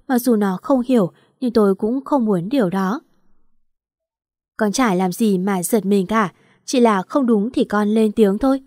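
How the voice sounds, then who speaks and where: A woman's voice: medium pitch, a little mellow, no room sound, studio quality. Indignant woman narrating a story. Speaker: audiobook narrator. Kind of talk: first-person audio story narration.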